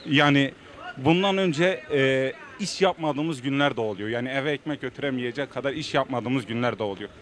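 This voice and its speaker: A man's voice: mid-range voice, normal speed, a bit bright. A male shopkeeper, talking plainly and complainingly in a street interview. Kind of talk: spontaneous street interview answer. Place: outdoors on a town street.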